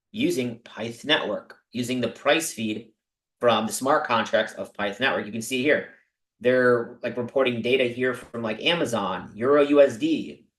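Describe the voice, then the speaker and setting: Excitable man hosting a crypto stream. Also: medium pitch, roomy sound, poor audio. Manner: excitable, talks to viewers directly with many asides. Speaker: crypto livestream host. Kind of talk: casual livestream talk about investing.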